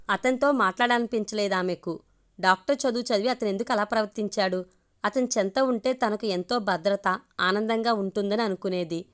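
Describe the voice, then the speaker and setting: A woman storyteller reading a romantic family story aloud in a steady, expressive way. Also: mid-range voice. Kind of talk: storybook narration.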